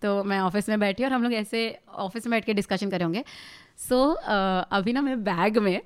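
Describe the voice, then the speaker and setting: A young woman in her twenties, a rapper guest on a podcast, telling a story in an animated, laughing way. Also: medium pitch, moderate pace, clean tone. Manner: animated, laughs often, mixes Hindi and English. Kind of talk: casual storytelling chat.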